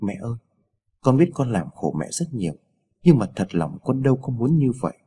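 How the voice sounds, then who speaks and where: A man's voice: mid-range voice, sing-song, brisk, pitched below the performer's own voice, natural voice. Man reading as a frail sickly little girl. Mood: weak tearful. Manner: soft, pleading.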